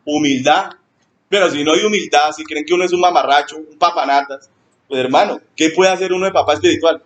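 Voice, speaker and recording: A male pastor, preaching a sermon in an animated way and acting out church members in high mocking voices. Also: a little fast.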